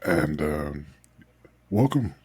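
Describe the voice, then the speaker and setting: A man with a deep, slightly husky voice hosts a casual podcast with his friends. He rambles through welcomes with plenty of fillers and laughs often along the way. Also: very animated, drawn-out words, dry recording. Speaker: podcast host.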